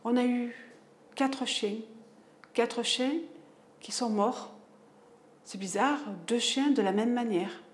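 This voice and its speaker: A woman's voice: fairly high pitch, slow pace, pauses often. A middle-aged woman giving an emotional personal testimony, acting out the voices she quotes. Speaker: domestic violence victim giving testimony. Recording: echoey room with faint noise.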